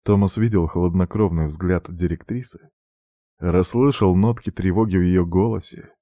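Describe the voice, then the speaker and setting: A man narrates a novel in a very low, dark voice with steady, even storytelling. The sound is dry and close, with no room around it. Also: normal speed, dry recording. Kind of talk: audiobook narration.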